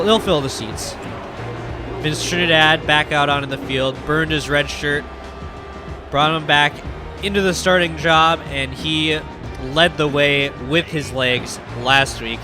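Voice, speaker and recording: A young man with a stuffy, nasal voice from a cold, giving casual commentary as he plays a football video game. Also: medium pitch. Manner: chatty, excited during play. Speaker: gaming YouTuber.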